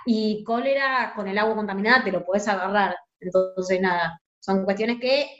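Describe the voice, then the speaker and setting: A young woman speaks as an interview guest with a Rioplatense Spanish accent. She talks loudly and tells her stories in a lively way. The recording sounds a little dull and muffled. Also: mid-range voice, normal speed, over music. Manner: loud, lively storyteller. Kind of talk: casual interview.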